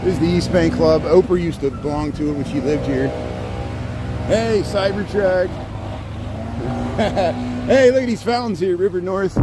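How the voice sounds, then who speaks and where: A livestream host from Indiana, US Midwest, walks a city street outdoors filming on a handheld phone, rambling and chatty and laughing often. His voice sits high and unhurried with long pauses, and loud music plus street traffic noise play behind it.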